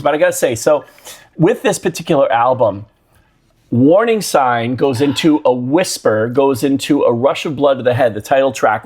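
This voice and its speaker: A man's voice: medium pitch, a little mellow. Guy cohosting a music podcast at home, jokey, rambles, lots of ums and restarts. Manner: joking, rambling, with fillers and restarts. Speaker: podcast co-host. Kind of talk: casual chat. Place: living room.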